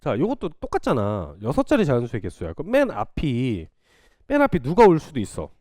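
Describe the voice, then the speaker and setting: A man's voice: mid-range voice, huge pitch swings, brisk, a little mellow, no echo, clean studio sound. A man teaching a math class in a small classroom, chatting and teasing his students playfully between problems. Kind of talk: casual classroom lecture.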